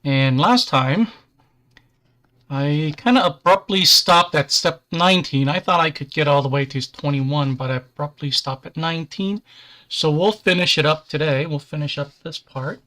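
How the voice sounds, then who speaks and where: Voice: mid-range voice, normal speed, sharp tone. A host chatting casually on a livestream while building a model kit, easygoing, with dry self-deprecating humor.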